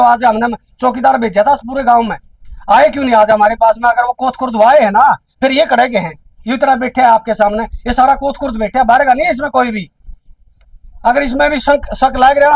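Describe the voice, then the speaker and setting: A man's voice: very high-pitched, no echo, muffled recording. A man with a Haryanvi accent addressing a village council meeting, indignant and full of repeated rhetorical questions.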